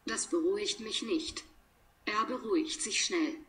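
A woman reading example sentences for a language lesson, one by one, in a measured, deliberate way with pauses between them. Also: medium pitch, sharp tone. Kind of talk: slow read-aloud of example sentences.

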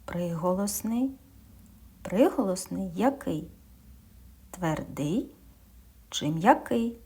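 Woman, kindergarten teacher; slow, patient, slightly husky, quizzes the children and answers herself. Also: on the low side, expressive, mellow. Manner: slow, patient, asking and answering her own questions, drops into whispers. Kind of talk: speech lesson for young children.

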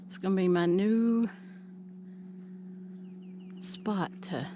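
A middle-aged woman vlogs casually on a hike, taking her time between short phrases. She sounds winded from the climb. Her handheld camera picks up clear outdoor noise behind an ordinary mid-pitched voice. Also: steady tone, drawn-out words, mellow. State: out of breath from climbing. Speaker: vlogger. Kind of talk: casual hiking vlog, talking to camera. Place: outdoors on a wooded hillside trail. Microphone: handheld camera at arm's length.

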